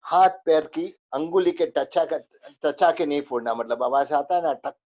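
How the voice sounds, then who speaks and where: A man's voice: on the high side, moderate pace, darkish tone, lo-fi sound. A man teaching a spoken religious lesson, going through a list of rules with many fillers.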